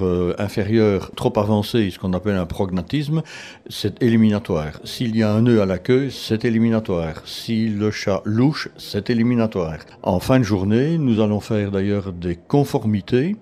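Measured Belgian man, low dark voice. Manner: measured, explanatory, with frequent restarts. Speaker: cat show judge. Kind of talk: interview answers.

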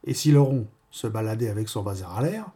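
A man reading a novel aloud as narrator, in a wry, measured manner. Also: on the low side, lively intonation, dark tone, slightly rough. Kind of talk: audiobook reading.

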